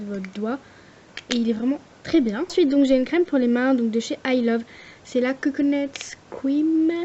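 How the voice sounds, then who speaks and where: A woman's voice: on the high side, mellow, muffled recording. A young woman casually reviewing her favorite nail products, chatty and hesitant, with lots of fillers. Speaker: nail art vlogger.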